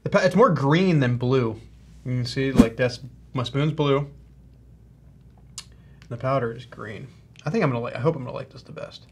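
A man reviewing hot sauce in a casual tasting vlog, halting and coughing often between sighs. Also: mid-range voice, breathy edge. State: coughing from spicy powder.

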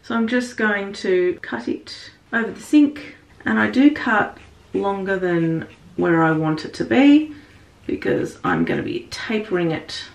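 A woman's voice: mid-range voice, lively intonation, unhurried, creaky, distant mic. A woman talking casually through a wig-styling tutorial while she works, recorded in a small bathroom. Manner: chatty, talks while working on the wig. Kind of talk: casual how-to narration. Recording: echoey bathroom.

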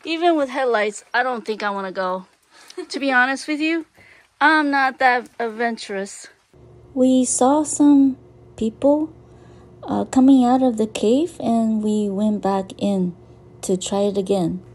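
A woman's voice: fairly high pitch, measured pace. A middle-aged woman narrating a casual travel vlog outdoors, chatty and hesitant with many ums, recorded on a handheld camera. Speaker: travel vlogger. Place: outdoors in a rainforest and inside a lava cave.

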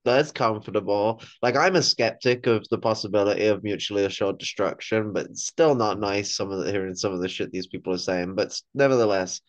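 Over a video call from a room at home, a young man on a panel delivers blunt, sweary political commentary in a casual tone. His lowish voice moves fairly quickly with hardly any pauses, and the video call microphone gives a dry, low-quality recording.

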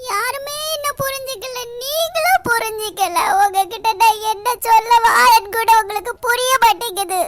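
A woman's voice: very high-pitched, moderate pace, few pauses, a bit bright, no echo. A woman voicing a tearful young bride who pleads through her crying in a cartoon. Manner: pleading, sobbing.

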